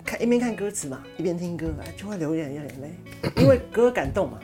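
A man's voice: sits high, lively intonation, fast talker, music in the background. A man on a radio chat, telling sentimental stories with emphasis. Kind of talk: casual studio chat.

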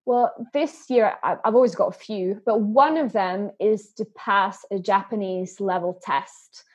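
A woman from Sweden and England, a guest in a conversational podcast interview, speaks earnestly and often repeats words as she begins a thought. Her mid-range voice is husky and her pace measured.

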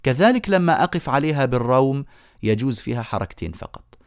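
A man gives a remote lesson on recitation rules, in a voice of middle pitch recorded dry and close. He moves step by step, puts questions to his students, and slows down to chant verse examples. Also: animated, no echo. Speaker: Quran recitation teacher. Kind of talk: remote lecture on tajweed.

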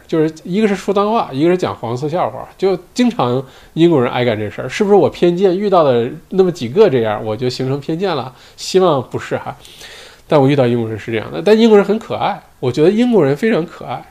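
A man holds forth alone on his own show, chatting casually and wandering between points. He leans on fillers and keeps checking in with tag questions. His voice sits at an ordinary middle pitch. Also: a little mellow. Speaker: solo show host. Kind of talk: casual commentary monologue.

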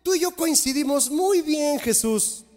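Man putting on a boastful young man, self-satisfied, voice pitched up high, long hall echo. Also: lively intonation, unhurried, a little mellow, faint music behind. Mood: smug. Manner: proud, ironic, self-assured.

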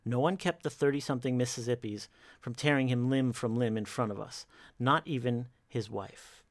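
A man narrating a horror story in a slow, measured, hushed delivery. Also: mid-range voice, dry recording.

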